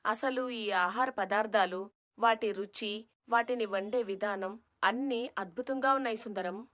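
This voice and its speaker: A woman voicing an impulsive, naive young female alien in an animated story, blunt and outspoken. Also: mid-range voice, a little slow, lightly acted. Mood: amazed. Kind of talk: storybook cartoon voice acting.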